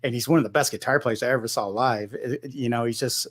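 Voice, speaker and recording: A middle-aged guitarist from Michigan in the United States talks about his music as a guest in a relaxed conversational interview. He speaks fast at an ordinary middle pitch, rambling with many restarts and "you know."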